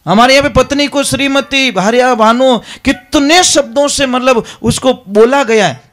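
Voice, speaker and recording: Preacher guy, pretty high voice, emphatic sermon talk, keeps saying maharaj. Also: measured pace, a bit bright. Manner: emphatic, repeatedly addresses listeners as maharaj. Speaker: religious preacher. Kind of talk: devotional sermon.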